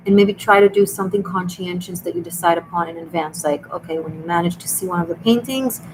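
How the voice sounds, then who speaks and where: A tarot reader with an Israeli Hebrew accent hosts a live stream tarot and dream reading for viewers, earnest and chatty with many restarts. She talks fast in a lowish voice over background noise.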